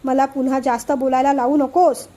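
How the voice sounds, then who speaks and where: A woman's voice: sits high, flat delivery, fairly quick, dark tone. A woman voicing a short-tempered elderly father who lectures and scolds his daughter in a storybook reading. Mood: scolding.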